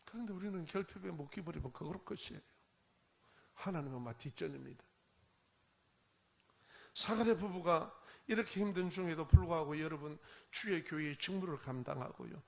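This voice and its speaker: A man's voice: a little high, normal speed, gravelly, long pauses, darkish tone. A man pastor preaching a sermon in a church, emphatic and repetitive, with many rhetorical questions. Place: church sanctuary.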